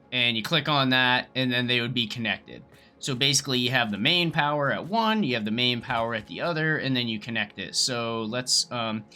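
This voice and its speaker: A man's voice: medium pitch, bright, forceful tone. A young man hosting a let's play, talking casually and enthusiastically, rambling a little and swearing now and then. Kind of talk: casual gameplay commentary.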